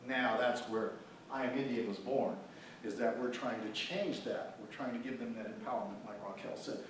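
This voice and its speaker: A man's voice: mid-range voice, moderate pace. A man speaks earnestly at a conference, explaining his program step by step in a mid-range voice. He is picked up from across the room, with heavy echo and a faint hiss behind him. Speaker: prevention program presenter. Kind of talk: conference presentation. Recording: echoey hall from far off, faint noise.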